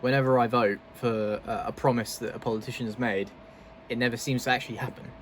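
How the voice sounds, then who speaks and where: A man talks through clips in casual reaction commentary, chatty and loose with frequent laughs. His pitch sits in a middle range. Faint noise hums in the background. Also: fairly even intonation, fast. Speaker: video host.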